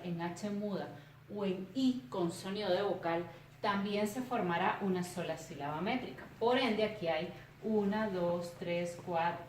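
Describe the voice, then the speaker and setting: A woman teacher giving a recorded tutorial lesson, explaining carefully and counting out syllables slowly. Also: mid-range voice, a little mellow, a little hiss or hum. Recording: roomy, distant from the mic.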